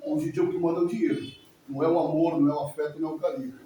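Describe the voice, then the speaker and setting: A church member in his forties shares his testimony with the congregation at a quick pace, his warm voice sitting high for a man with fairly even intonation. Emotional and rambling, he often goes back over the same words, picked up from a distance in a very echoey hall with faint noise.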